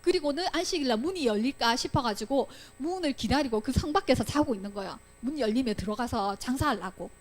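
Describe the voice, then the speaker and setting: A woman's voice: high-pitched, expressive, fast talker, hardly any pauses. A woman teaching a children's Sunday school Bible lesson, asking the children questions and acting out the voices she quotes.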